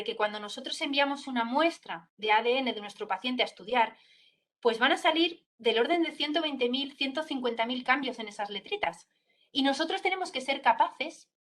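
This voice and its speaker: A woman's voice: a little high, a bit bright. A woman doctor explaining a topic to students step by step, checking in often with her listeners. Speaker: pediatric neurologist giving a talk to students. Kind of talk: explanatory school talk.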